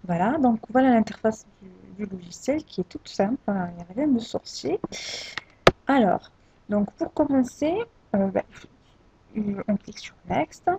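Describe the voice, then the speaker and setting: A woman talks through a computer tutorial, pausing often and restarting her phrases. Her voice is gravelly and dark, a little husky. The recording sounds dull and lo-fi, as if from a desktop mic. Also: fairly high pitch, animated. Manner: hesitant, many fillers and restarts. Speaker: tutorial presenter. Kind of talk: screen-recorded software tutorial.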